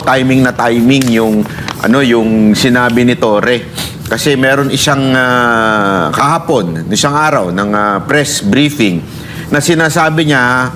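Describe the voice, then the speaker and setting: A man giving online political commentary in a halting way, with frequent fillers. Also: mid-range voice, a bit bright, soft background music. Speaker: political vlogger.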